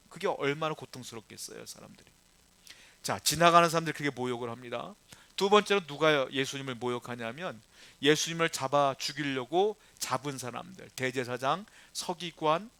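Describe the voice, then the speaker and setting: Bright, forceful male pastor preaching. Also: a little high, dry recording. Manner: conversational preaching, rising emphatic stresses. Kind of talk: sermon. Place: church.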